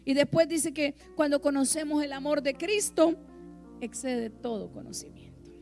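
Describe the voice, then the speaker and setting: A middle-aged woman preaching a sermon in a church, impassioned and emphatic, rising to loud peaks. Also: high voice, normal speed, faint music behind.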